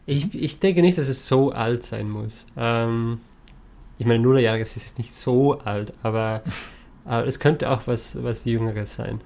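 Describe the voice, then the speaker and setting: A man's voice: medium pitch, measured pace, creaky, a little mellow. A man, a guest, talking casually and hesitantly with stammered starts. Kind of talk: casual conversation.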